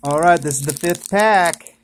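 A vlogger chatting casually indoors while opening trading card packs, with excited exclamations at each good pull. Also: mid-range voice, a little slow, slight background noise. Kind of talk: casual unboxing commentary. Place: indoors at home.

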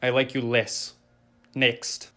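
A man switching impression voices, playing a blunt, deadpan male history teacher with a mock Russian accent in a comedy sketch. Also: mid-range voice, slow, soft background music. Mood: grumpy.

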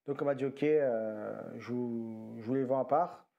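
The recording is muffled, carrying a man's gravelly, warm, medium-pitched voice at a measured pace. He's a French retro game collector vlogger, tired and rambling as he gives casual commentary on his flea-market video game haul, often correcting himself in slang.

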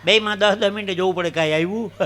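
A man's voice: sits high, quick pace, slight background noise. A man telling jokes and folk stories on stage, acting out the voices of the people in them. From Gujarat, India. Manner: animated joke telling with acted dialogue voices. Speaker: stand-up comedian. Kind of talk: live folk comedy storytelling.

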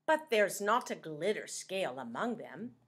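A woman voicing a calm, wise female scallop who speaks deliberately and with quiet confidence. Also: lowish voice, breathy edge, full character voice.

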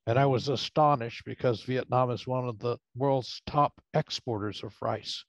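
A man's voice: medium pitch, moderate pace, dry recording. A professor asking a question at an online talk, speaking hesitantly with many fillers while his voice breaks up over a bad connection. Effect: voice breaking up over a bad internet connection. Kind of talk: conversational question from the audience. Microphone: video call. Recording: dull, lo-fi, dry video call audio.

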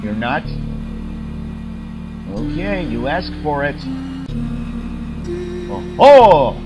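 A man voicing a hot-tempered cartoon duck working as a truant officer, squawking in a garbled duck voice and bursting into shouts and sobs. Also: on the high side, sing-song, drawn-out words, over loud music, heavily acted. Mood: angry. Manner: shouts and sobs in sudden outbursts. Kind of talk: fan-made cartoon voice dub.

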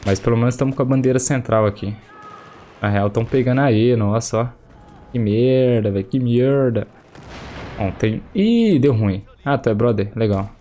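Recovering from a cold that slightly colors his dark, medium-pitched voice, a young Brazilian streamer comments on his gameplay at a normal pace through a headset. His Portuguese-accented talk is chatty and slangy, full of exclamations at the action. There's a little hiss or hum, with faint game gunfire and explosions in the background.

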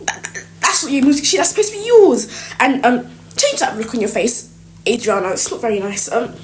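A woman's voice: on the high side, sing-song, normal speed, a little hiss or hum. A woman voicing a flustered teacher who pleads with an unruly class and stammers. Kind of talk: toy-game roleplay voiceover.

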